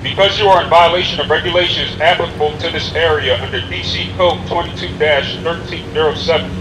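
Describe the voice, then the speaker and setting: A man's voice: fairly high pitch, steady tone, brisk. A man, a police captain, reading a formal dispersal warning through a megaphone in a clipped, official, commanding way, outdoors on a city sidewalk. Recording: echoey, distant outdoor recording with traffic noise.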